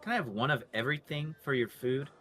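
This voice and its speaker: Mid-pitched man playing a tabletop game. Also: fast talker, a bit bright. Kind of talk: casual in-character table talk.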